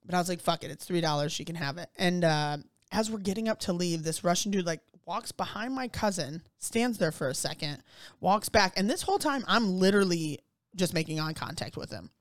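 A woman chatting casually, telling an animated story full of swearing and fillers. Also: on the low side, brisk, no room sound, clean studio sound. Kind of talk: casual chat.

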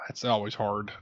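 A man's voice: lowish voice, muffled recording. A man appearing as a podcast guest, easygoing and thinking aloud in casual chat.

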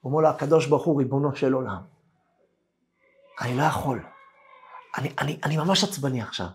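A rabbi telling a classroom story in a Torah lesson, acting out the voices of the people in it. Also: male voice, medium pitch. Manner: animated storyteller acting out quoted dialogue.

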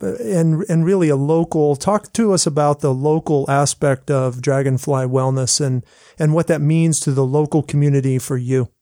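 A man's voice: a little high, fairly even intonation, moderate pace, mellow, no echo, studio quality. A man co-hosting a podcast, giving information in a slightly hesitant way. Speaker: podcast co-host. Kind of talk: casual podcast conversation.

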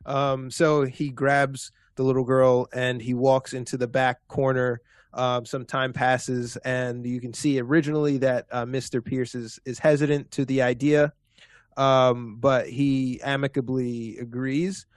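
A man narrates as game master of a tabletop role-playing game, pausing often with fillers. His voice is dry and close, with no room sound, at an ordinary middle pitch. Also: flat delivery, no echo. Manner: hesitant, many fillers.

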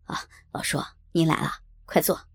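A woman voicing a man who runs a nightclub, speaking in a brisk, commanding way. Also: close to an everyday voice. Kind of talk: erotic audio novel reading.

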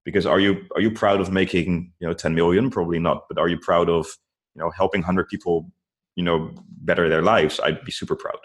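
A man's voice: sits low, steady tone, fairly quick. A man talking casually as an interview guest, earnestly giving advice and often saying "like" and "you know". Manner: says "like" and "you know" a lot.

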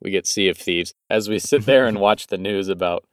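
Low, clear-voiced young man chatting casually. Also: fairly quick, no echo. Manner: sweary, joking. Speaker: co-host of a gaming podcast. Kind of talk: casual banter and game chat.

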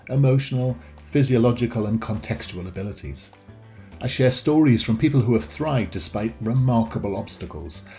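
A man's voice: lowish voice, dark tone. Male podcast host with music. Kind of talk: podcast intro and casual interview.

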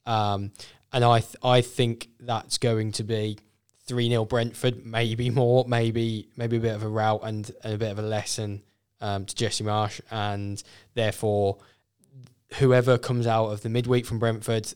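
A man's voice: on the low side, little pitch movement, measured pace, darkish tone, clear, resonant tone. A man chatting casually as a podcast guest, thinking aloud and correcting himself as he goes. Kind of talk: casual fantasy football chat.

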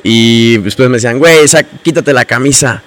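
Young mexican guy, guest on a chat show, slangy, acts out all the quotes, mid-pitched voice. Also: moderate pace. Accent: Mexican Spanish. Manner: slangy, animated retelling with quoted dialogue. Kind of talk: casual storytelling chat.

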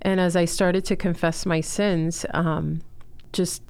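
A smooth, darkish woman's voice sits on the low side, with flat delivery and an unhurried pace. She's in her forties, Chilean-born and raised in Miami, and as a school co-founder guesting on an interview, she earnestly shares her personal story with heartfelt sincerity and plenty of fillers.

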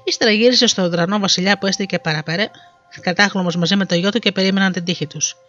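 Faint music sits beneath a storyteller's mid-range voice as they read a fairy tale with lively delivery. The recording quality is dull and lo-fi.

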